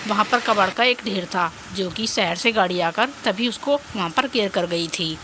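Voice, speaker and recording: A woman narrating a cartoon story in a steady storytelling manner. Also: mid-range voice, moderate pace, noisy background.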